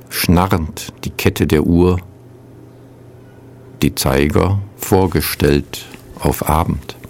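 A man presenting a radio culture program, reading poems aloud in a calm, measured way and introducing the music between them. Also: low-pitched.

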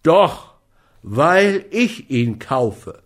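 A man's voice: on the high side, sing-song, drawn-out words, full character voice. A man reading an audiobook, voicing a hot-tempered, commanding man who threatens and bullies. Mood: stern. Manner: forceful, threatening. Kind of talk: audiobook character voice.

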